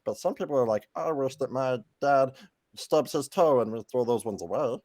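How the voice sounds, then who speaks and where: A man performs a small grey-haired creature miner, hunched and pig-snouted. It rambles in a flustered way and keeps restarting its sentences. The voice sits at a middling pitch, with nothing strange about the tone. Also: normal speed, darkish tone, lightly acted. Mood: rambling.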